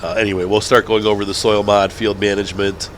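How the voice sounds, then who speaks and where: This gaming channel host talks fast in a lowish, level voice while casually commentating on a farming game. His head cold leaves his nose stuffed up, and he rambles, chuckles and corrects himself. A little hiss or hum sits in the audio.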